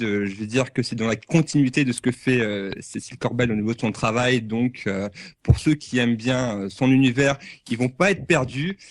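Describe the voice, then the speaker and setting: A man giving a casual, halting review with many fillers. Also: mid-range voice, dry recording, clean studio sound.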